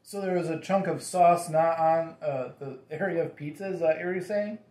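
A man in his forties hosting a home pizza review show from his dining table. He talks in an easygoing way, asks his son questions, and fills pauses with ums and likes. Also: a little high, mellow. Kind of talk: casual food review chat. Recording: roomy home echo.

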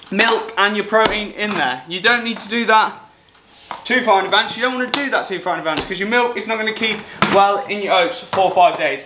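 A young man in his twenties vlogging casually as he does meal prep in a small home kitchen, talking to camera in an upbeat, chatty way. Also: sits high. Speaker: fitness vlogger. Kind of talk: casual how-to vlog. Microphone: camera mic from across the room. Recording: echoey kitchen with clear background noise.

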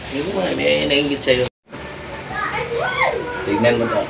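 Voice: mid-range voice, measured pace, gravelly. A faith healer questioning a spirit during a healing session, sternly asking the same short questions again and again. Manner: stern, repeated prodding questions. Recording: echoey room, recorded from far off, loud background noise.

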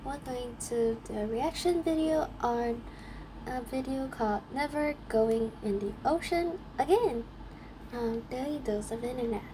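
A woman streamer giving casual reaction commentary in a cute, expressive anime-streamer manner. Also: on the high side, unhurried, noisy background. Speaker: streamer hosting a reaction video.

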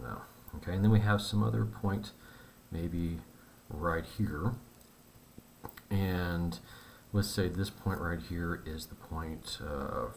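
Low-voiced guy walking through a math problem, laid back, bit of faint room noise. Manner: relaxed, conversational explaining with fillers. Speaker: math teacher. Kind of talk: whiteboard math lesson.

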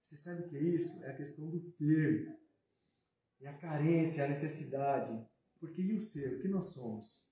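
A man with a Brazilian accent giving a spiritual lecture, conversational, with soft asides and loud emphatic bursts. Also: fairly high pitch, normal speed. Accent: Brazilian Portuguese. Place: hall at a spiritist center. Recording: echoey hall.

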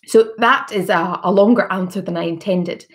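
A Scottish politician in her thirties answers constituents' questions during a virtual town hall, speaking from her living room over a laptop webcam on a video call. Her voice is low with gravelly fry, and her measured answers contain many fillers and restarts.

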